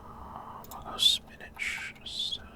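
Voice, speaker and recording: An ASMR gaming streamer, a man, talks through his gameplay in a soft whisper with no voicing. The delivery is halting and leisurely, marked by pauses that fade out.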